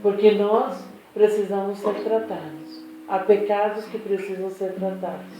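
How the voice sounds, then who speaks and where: A woman pastor preaching a sermon, telling a story with lively acted-out dialogue. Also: medium pitch, a little slow, slight background noise. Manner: animated storytelling, acting out dialogue. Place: church hall. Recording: echoey hall from far off with faint music.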